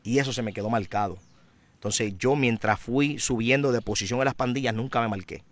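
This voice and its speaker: A man giving a personal testimony in an interview, a vivid, dramatic storyteller who grows louder and more intense. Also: mid-range voice, brisk, no echo.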